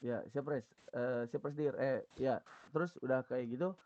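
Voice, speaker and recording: A man's voice: mid-range voice, moderate pace, highs cut off. A man in a role-play game eagerly telling his boss about a fight, acting out the other people's lines as he goes. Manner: animated, acts out quoted lines mid-story. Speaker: gang member reporting to his boss. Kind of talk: in-character role-play storytelling.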